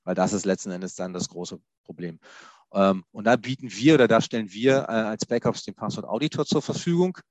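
A man's voice: fairly low pitch, fairly quick, no room sound. A man explaining password security in a conversation, with frequent hesitations and restarts. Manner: hesitant, many fillers and restarts. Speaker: IT security expert guest.

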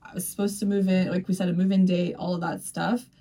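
A woman's voice: fairly low pitch, little pitch movement, fast, dark tone, far from the mic. A young woman hosting a casual podcast chat, talking loosely and laughing often as she acts out what others said. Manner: chatty, laughs often, acts out quoted dialogue. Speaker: podcast host.

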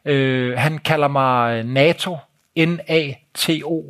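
A man's voice: medium pitch, fairly bright tone. A man telling a travel story to an audience in a live talk, vivid and blunt, with swearing and pointing out photos.

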